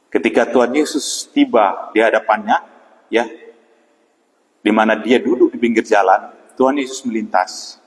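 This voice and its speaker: Man preaching an evening devotional, reverberant. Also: fairly low pitch. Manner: unhurried, with frequent "ya" and pauses. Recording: long hall reverb.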